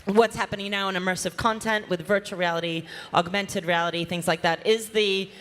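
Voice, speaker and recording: A woman moderating a conference panel on stage, chatty and energetic, with many fillers. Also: mid-range voice, brisk. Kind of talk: live conference panel talk. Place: large conference hall. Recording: reverberant hall.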